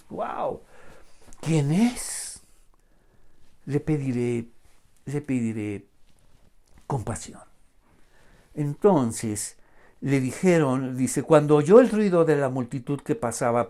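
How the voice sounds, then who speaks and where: A man preaching an online sermon, dramatic and emphatic, swinging between loud outbursts and hushed asides and acting out the voices of the people in his story. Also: on the high side. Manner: acts out voices of the characters.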